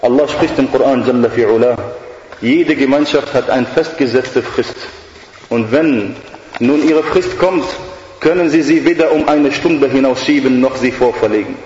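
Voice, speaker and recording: A man's voice: mid-range voice, moderate pace, a little mellow, a little hiss or hum. A male preacher giving a sermon in an earnest, emphatic way, mixing in Arabic religious phrases, in an echoey hall with dull sound.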